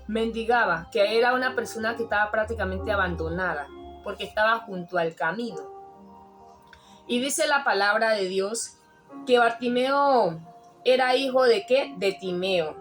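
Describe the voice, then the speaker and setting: A woman's voice: a little high, fairly bright tone. A woman preaching a sermon in an earnest, repetitive way, restarting phrases and rising when she quotes a cry.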